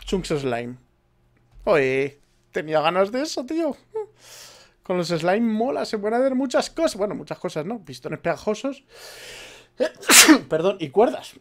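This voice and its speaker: Swearing Spaniard gamer muttering while playing. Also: male voice, high-pitched, sing-song, a little slow, long pauses, fairly bright tone. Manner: swears a lot, mutters to himself. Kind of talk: let's play commentary.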